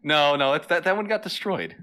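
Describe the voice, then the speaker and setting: Hesitant man with a bright tone. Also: a little high, brisk. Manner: hesitant, laughs easily. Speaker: podcast co-host. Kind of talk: casual chat.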